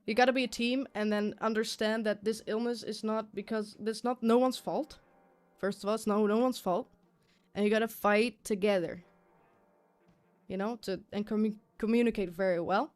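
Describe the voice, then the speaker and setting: A woman's voice: medium pitch, steady tone, normal speed. A woman chatting casually on a livestream, rambling and repeating herself in an informal, sweary way. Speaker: live streamer. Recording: music playing behind the voice. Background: music.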